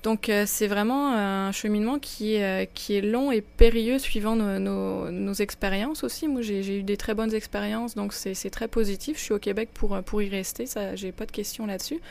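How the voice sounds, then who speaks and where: A woman's voice: medium pitch, fairly even intonation, normal speed, gravelly, few pauses, a little mellow. A woman from France, a guest on an interview program who talks about her experience in a thoughtful, searching way with frequent restarts. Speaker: guest, immigration project officer. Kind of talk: conversational interview.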